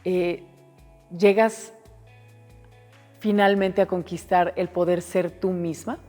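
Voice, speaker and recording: A woman hosts the interview, prompting her guest and affirming her with short interjections. Her voice is mellow, with a long reverb and faint music behind it. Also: on the low side, fairly even intonation, takes it slowly. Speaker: host. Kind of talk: interview conversation.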